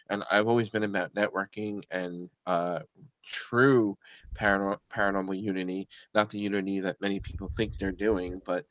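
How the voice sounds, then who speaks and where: A deep-voiced man co-hosting a casual podcast, rambling earnestly and leaning on fillers. The sound is dry and somewhat dull, as if from a lo-fi recording. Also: a bit bright, dry recording. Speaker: podcast co-host.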